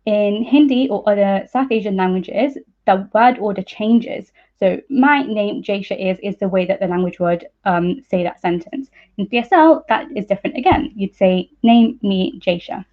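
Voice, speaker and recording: A young woman from the East Midlands in England, a PhD student, presents science informally over slides, hesitating a little as she goes. Her pitch is mid-range for a woman, and she speaks at normal speed with few pauses. The audio is a muffled, thin, narrow-band online call.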